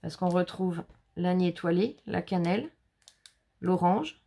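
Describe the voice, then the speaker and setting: Gravelly low-voiced French woman, chatty. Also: a little slow, mellow. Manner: chatty, gushing, talks to viewers and helpers. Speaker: scrapbooking channel host. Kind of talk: casual show-and-tell of handmade cards. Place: home.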